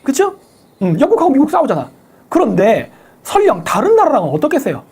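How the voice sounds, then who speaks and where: A woman hosts a live commentary stream, mocking and combative, firing off one rhetorical question after another. Her voice sits a little high and swings widely in pitch, with a mellow, slightly husky tone. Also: wildly swooping pitch, fairly quick. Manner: combative, sarcastic, full of rhetorical questions and coarse insults. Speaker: livestream host thanking viewers for donations. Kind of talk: opinionated political commentary stream.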